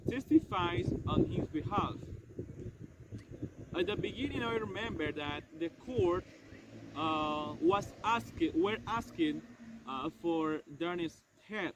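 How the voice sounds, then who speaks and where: In an amateur dramatized monologue, a man plays a regretful French doctor and former prisoner, earnestly retelling past events. His exaggerated voice sits high, and he speaks haltingly, hesitating and correcting himself. The lo-fi recording sounds dull, with faint noise.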